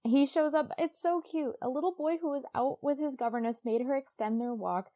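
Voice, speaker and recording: A woman co-hosts a relaxed book podcast. Her voice is high and mellow, and she talks a little quickly. She gushes and chats, dropping in plenty of conversational asides.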